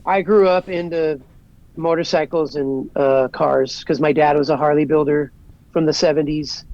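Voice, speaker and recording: A guest in his forties from Southern California chats casually on a podcast, rambling easily and saying "like" a lot. His voice is fairly high, steady, and darkish at a normal speed, captured in a dry, lo-fi recording.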